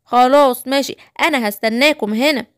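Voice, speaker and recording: Egyptian lady doing a scared little lion cub, high voice, calling for friends. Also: brisk, clear, resonant tone, lightly acted. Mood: worried. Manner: anxious, calling out. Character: young lion cub, timid and worried.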